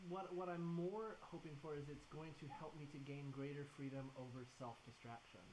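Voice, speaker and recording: A man's voice: fairly high pitch, fairly even intonation, normal speed, a little mellow, poor audio. A man co-hosting a podcast in casual chat, trading joking asides and reflecting at length. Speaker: podcast co-host. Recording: faint hiss.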